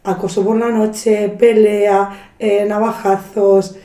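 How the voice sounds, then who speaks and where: A woman from tells travel stories in a casual chat, slipping into the voices of the people she quotes and swearing freely. Her voice is mellow and warm, and the echoey room adds a roomy ring to it. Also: mid-range voice, flat delivery, slow pace. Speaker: podcast guest. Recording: roomy echo.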